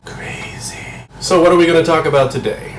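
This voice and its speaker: A man's voice: on the high side, rapid-fire. An American man vlogging in a casual, musing way, often asking himself questions. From United States. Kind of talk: casual vlog monologue to camera. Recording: echoey room, mic at a distance, air conditioner hum.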